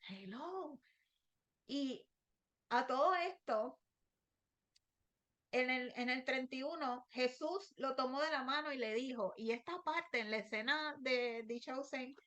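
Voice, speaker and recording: A middle-aged woman preacher giving a devotional sermon, sharing a personal, emotional testimony with slow, repeated pleading phrases. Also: fairly high pitch, a bit bright.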